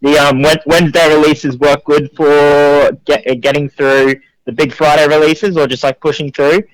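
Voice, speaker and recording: A man's voice: fairly high pitch, little pitch movement, moderate pace, dry recording. An Australian man with a Queensland accent, speaking casually as a musician being interviewed. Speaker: band musician interview guest. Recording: phone call on radio show.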